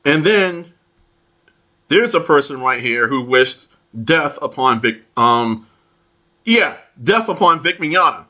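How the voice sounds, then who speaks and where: Guy reading screenshots out loud, kinda bright tone, lots of ums and restarts. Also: fairly high pitch, expressive. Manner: halting, many fillers and restarts while reading posts aloud. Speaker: commentator reading online posts. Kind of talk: casual commentary over screenshots.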